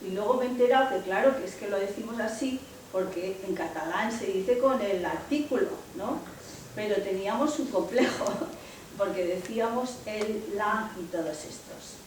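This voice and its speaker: A woman Alcañiz, telling anecdotes in a lively, hesitant way during a seminar discussion. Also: mid-range voice, moderate pace, recorded from a distance, a little hiss or hum. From Alcañiz, Aragón. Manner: anecdotal, animated, with frequent hesitations. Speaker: audience member. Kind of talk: spontaneous contribution in a seminar discussion. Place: seminar room. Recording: echoey hall, voice picked up from afar.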